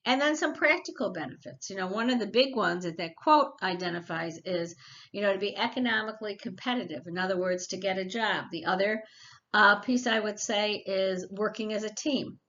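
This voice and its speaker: A woman's voice: mid-range voice, a little fast, fairly bright tone, dull audio. A middle-aged woman giving a recorded college lecture in a chatty, practical way, with personal stories and asides. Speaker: college instructor.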